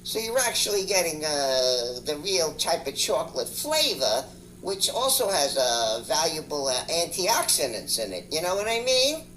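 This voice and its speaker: A man's voice: on the high side, very animated, normal speed, a bit bright, distant mic, a little hiss or hum. A man rambling on a prank phone call, hesitant and full of fillers. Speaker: scambaiter.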